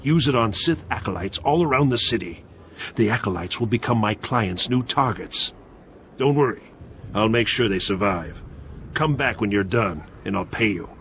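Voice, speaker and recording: A deep-voiced wary bounty hunter. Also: male voice, animated, moderate pace, fairly bright tone, a little hiss or hum. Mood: defensive. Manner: defensive, gruff, pragmatic.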